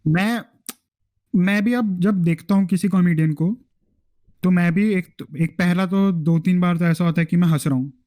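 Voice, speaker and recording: Young Indian male podcast host, earnest explainer, slightly raised pitch, dry sound. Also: normal speed, a little mellow, dry recording. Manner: earnest, explains at length, mixes Hindi and English. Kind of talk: casual chat.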